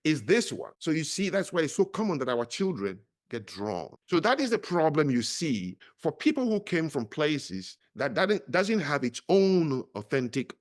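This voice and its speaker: A middle-aged man with a voice on the high side appears as a podcast guest in a conversational interview. He speaks at normal speed with few pauses, an animated storyteller who makes his points emphatically.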